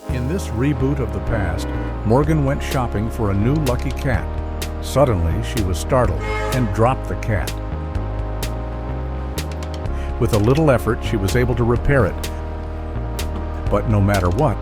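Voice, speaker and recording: A man's voice: medium pitch, moderate pace, lightly acted. A man voicing a broken talking speaker that narrates its story in a brooding, melodramatic way, with music behind. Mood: brooding dramatic. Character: a broken talking speaker device, gloomy and hopeful.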